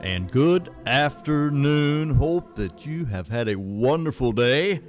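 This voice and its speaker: A man hosting a Bible call-in show, talking conversationally and deliberately in a folksy way, repeating phrases for emphasis. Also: mid-range voice, animated, lo-fi sound, soft background music. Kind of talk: conversational religious radio teaching. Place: radio studio, live broadcast.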